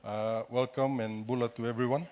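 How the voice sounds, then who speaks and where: A man's voice: mid-range voice, fairly even intonation, moderate pace, a little mellow. Fijian-accented man giving an informal talk. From Fiji. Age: middle-aged. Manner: self-deprecating, hesitant, conversational. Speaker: guest speaker, entrepreneur. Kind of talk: informal public talk to an audience. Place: indoor hall, standing at a lectern.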